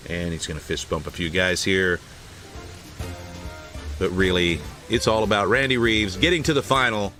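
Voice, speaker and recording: Male play-by-play commentator, slightly low voice, mock-serious hype, tongue in cheek. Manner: playful, deadpan hype of small moments.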